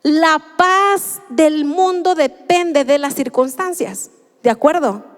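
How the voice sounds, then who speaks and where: A woman, preaching a sermon in an earnest, measured way and slowing down for emphasis. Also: high voice, big-room sound. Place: church.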